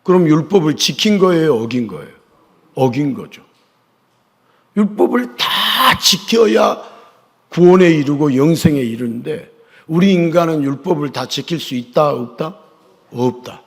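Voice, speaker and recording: A male pastor preaching a sermon in a church, firing questions at his congregation and pressing them to answer, swinging between loud emphasis and hushed asides. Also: fairly high pitch, animated, a little slow. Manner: call-and-response questioning of the congregation. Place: church sanctuary. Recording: long church reverb.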